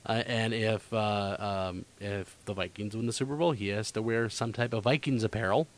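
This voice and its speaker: A man's voice: on the low side, normal speed. A man hosting a casual webcast, upbeat and joking, rambling as he adds to his points. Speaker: webcast host. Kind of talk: casual chat.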